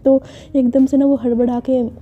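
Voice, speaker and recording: A woman's voice: high voice, little pitch movement, moderate pace. Chatty woman telling a romance story. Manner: chatty, filler-heavy, self-correcting. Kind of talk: casual storytelling narration. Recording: dull lo-fi recording with faint music. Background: faint background music.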